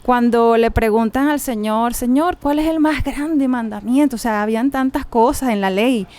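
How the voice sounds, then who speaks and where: Woman, podcast co-host, casual bible reflection, hesitant fillers, slightly high voice. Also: normal speed, a little mellow. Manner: conversational, hesitant fillers while recalling.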